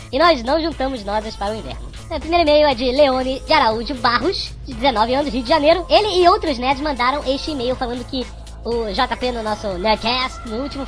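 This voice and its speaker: A man voicing a chatty cartoon chipmunk with a sped-up, high-pitched voice and a wry manner. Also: fairly bright tone.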